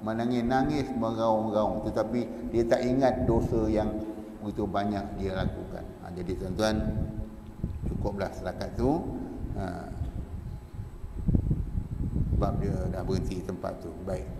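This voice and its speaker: Male Malaysian preacher, low gravelly voice, echoey hall, audible noise behind. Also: fairly even intonation, unhurried, long pauses. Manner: pleading, rising to fervent cries in prayers. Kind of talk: mosque dawn lecture. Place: large mosque hall. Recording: echoey mosque hall recording with background noise.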